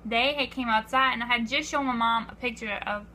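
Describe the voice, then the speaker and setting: Teenage girl vlogger, bright slightly high voice, eager rambling storyteller. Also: fairly even intonation, brisk, a little hiss or hum. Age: teens. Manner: breathless, repeats "I was like", acts out quotes. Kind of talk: excited storytelling vlog.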